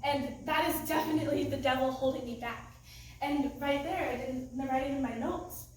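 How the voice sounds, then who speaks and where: A woman's voice: high-pitched, normal speed, a little hiss or hum. A teenage girl giving an earnest, emotional testimony talk at a church youth group, laughing nervously between lines. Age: teens. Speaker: youth group student speaker. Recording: echoey room, mic far off.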